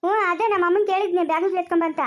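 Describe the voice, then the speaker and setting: A woman performing a village comedy skit with a Chikkaballapur rural Kannada accent, chattering in fast, exasperated nagging. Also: extremely high pitch, steady tone, dull audio.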